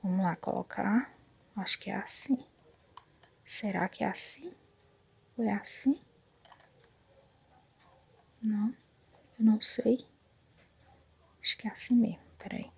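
A woman, chatting excitedly as she unboxes something in a casual home vlog on her phone, often dropping to a murmur. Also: mid-range voice, measured pace, vocal fry, pauses often, breathy edge. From Northeast Brazil. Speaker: vlogger. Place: indoors, on a bed at home. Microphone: phone camera.

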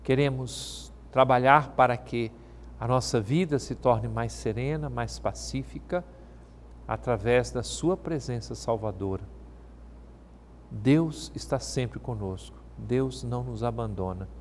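Brazilian Portuguese male priest, solemn scripture reading and homily, middle pitch, long hall reverb. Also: a little hiss or hum. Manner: measured, solemn reading with a devotional tone.

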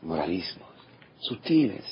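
A man preaching an impassioned sermon as a priest, swinging from loud declarations to hushed asides. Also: deep voice, very animated, a little slow. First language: Italian. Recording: dull lo-fi recording with faint noise.

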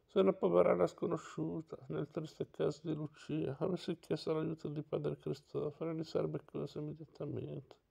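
A man reading a classic novel aloud, pausing for small slips and self-corrections. His voice is gravelly and husky, with a dark, mellow tone that sits a little high. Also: flat delivery, rough recording.

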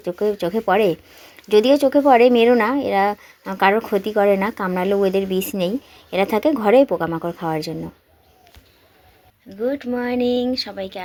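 A woman's voice: mid-range voice, a little mellow, a little hiss or hum. A woman with a West Bengal accent chatting casually to viewers as a home vlogger, often asking them questions. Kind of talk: casual chat to viewers while doing household chores. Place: at home, mostly in the kitchen.

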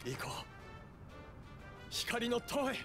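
An actor playing an earnest, determined young warrior hero in a video game, speaking with emotion. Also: male voice, very high voice, sing-song, slow pace, exaggerated voice. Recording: music playing behind the voice.

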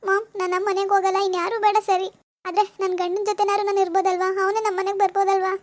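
A woman's voice: very high-pitched, flat delivery, fast talker. A woman voicing a bitter, grieving young wife. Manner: bitter, accusing, tearful. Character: bitter young woman who lost her baby. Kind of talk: animated village drama voice acting.

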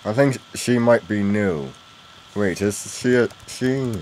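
Guy rambling thru a video game, slow talker, clear noise behind him. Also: lowish voice, darkish tone. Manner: rambling, thinking aloud. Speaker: gamer narrating his own play. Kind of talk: casual gameplay commentary. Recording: noisy game audio behind voice.

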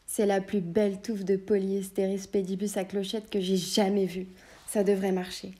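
A woman's voice: mid-range voice, little pitch movement, normal speed, dark tone, natural voice. A woman voicing a fussy, theatrical old bearded magician, in a storybook reading. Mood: pleased. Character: bearded old male magician, pottering and pleased with himself.

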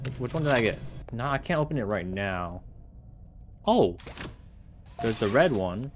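A man's voice: mid-range voice, sing-song, measured pace, slight background noise. A young man casually talking through a horror game, reading signs aloud and reacting with startled outbursts. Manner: chatty, reacts with startled exclamations. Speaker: gaming channel host. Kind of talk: horror game let's play commentary.

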